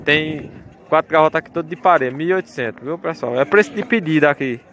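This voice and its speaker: The speaker is a man with a voice on the high side and a fairly bright tone who talks fast; there's slight background noise. He's vlogging a cattle fair, phone in hand among the outdoor pens, giving chatty, repetitive walkaround commentary and calling out to viewers, with the market crowd chattering around him.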